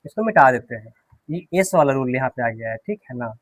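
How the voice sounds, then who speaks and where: A man's voice: mid-range voice, very animated, a little fast. A man teaching an English pronunciation class, asking the class questions and answering them himself, repeating the key words. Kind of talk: classroom lesson, explaining at a board.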